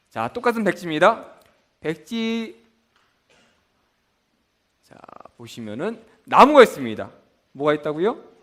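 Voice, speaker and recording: A man's voice: high-pitched, a bit bright. A man teaching a Bible school lesson with memory tricks, often asking the class a question and then answering it himself. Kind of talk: mnemonic lesson with call-and-response questions.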